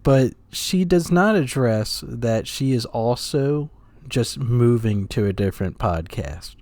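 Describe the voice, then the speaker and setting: A man's voice: medium pitch, lively intonation, slow pace, a little mellow, no echo. A man co-hosting a podcast, chatting casually in a laid-back, gossipy way and laughing often. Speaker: podcast co-host.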